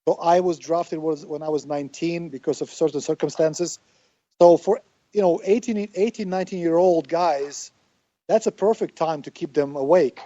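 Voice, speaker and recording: A man's voice: fairly high pitch, moderate pace, warm tone, no room sound. A man from Siberia with a Russian accent, telling stories casually as an interview guest, often searching for words. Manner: hesitant phrasing, searching for words. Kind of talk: casual conversational storytelling. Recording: muffled, band-limited online call audio.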